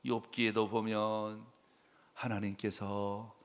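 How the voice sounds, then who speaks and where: A man's voice: lowish voice, little pitch movement, slow pace. A male pastor preaching a sermon in a colloquial, dramatic storytelling manner.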